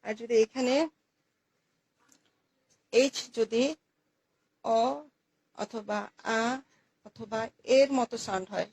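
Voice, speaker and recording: A woman's voice: a little high, slow pace, pauses often, a little mellow, breathy edge, poor audio. A woman teaching English grammar to young students, patiently repeating key words and answering her own questions. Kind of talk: classroom lesson explaining articles.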